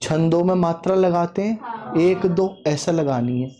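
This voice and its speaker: A man's voice: high-pitched, mellow. A man teaching an exam-prep language class, drilling students by repeating questions and answers aloud. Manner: slow, emphatic explanation. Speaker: Hindi teacher.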